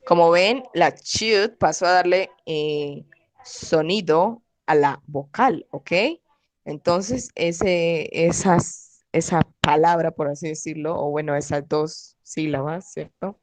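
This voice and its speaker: A woman's voice: low voice, takes it slowly, a little hiss or hum, poor audio. A woman teaching an online Korean class, patiently checking in with "¿ok?" and "¿cierto?". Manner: patient, repeats "¿ok?" and "¿cierto?" often.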